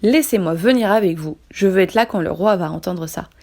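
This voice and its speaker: A rhino who shrieks in high, loud alarm, then begs to come along, as a woman reading a storybook acts him out. His cries are piercing. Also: fairly quick, vocal fry. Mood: eager. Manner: doubting, shrill cries.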